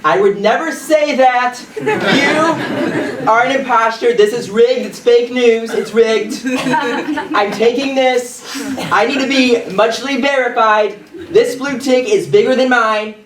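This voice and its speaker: A woman's voice: a little high, slow, a crowd in the background. A woman playing a petulant, boastful political candidate in an amateur pantomime, with exaggerated blustering delivery. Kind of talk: amateur pantomime stage acting. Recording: echoey hall, distant mic, audience noise.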